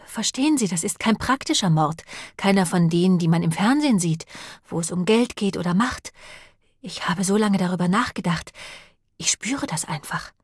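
A woman's voice: lowish voice, expressive, normal speed, slightly rough, no room sound, studio quality. A woman reading an audiobook and voicing an earnest, pious village woman who talks in an urgent, brooding and preachy way.

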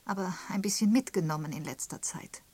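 A woman reading the part of a gentle, tactful elderly spinster in an audiobook, in a mild and measured manner. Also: mid-range voice, husky, voice pushed up, close to an everyday voice. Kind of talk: audiobook character voice.

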